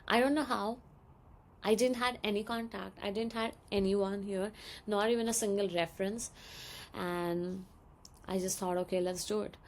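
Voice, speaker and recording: A young woman with an Indian English accent, chatting casually in a storytime vlog, acting out quoted lines in a higher voice. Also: fairly even intonation, unhurried, a little hiss or hum. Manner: chatty, many ums, acts out quoted dialogue in a higher voice. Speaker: vlogger.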